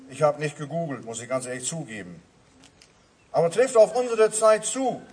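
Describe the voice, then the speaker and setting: A man delivers an earnest sermon, circling back to the same refrains. His voice sits a little high and sounds husky. He is picked up from a distance, as if by a church microphone. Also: darkish tone. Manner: earnest preaching with repeated refrains. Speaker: pastor.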